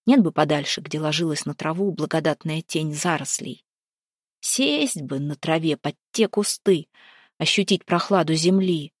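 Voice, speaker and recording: A woman narrating a fairy tale in an even, measured way. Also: low-pitched, slightly rough, dry recording, clean studio sound. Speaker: audiobook reader. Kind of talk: storybook narration.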